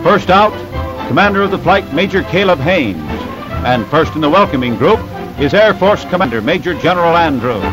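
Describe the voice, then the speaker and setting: A man narrating an old newsreel in a brisk, emphatic announcer delivery. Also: on the high side, animated, loud music behind the voice, poor audio.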